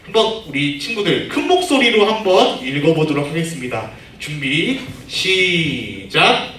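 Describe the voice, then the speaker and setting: Animated man preaching to children. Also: a little high, normal speed. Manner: animated, asks children questions and leads them in reading. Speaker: junior pastor. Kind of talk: children's sermon. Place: church room. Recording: echoey room, far from the mic, faint noise.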